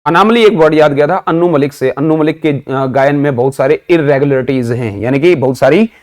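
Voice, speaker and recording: A man's voice: a little high, brisk. A man with an Indian accent teaching English vocabulary through memory tricks, mixing Hindi and English and answering his own questions. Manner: mixes Hindi with English phrases. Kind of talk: online vocabulary lesson with mnemonics.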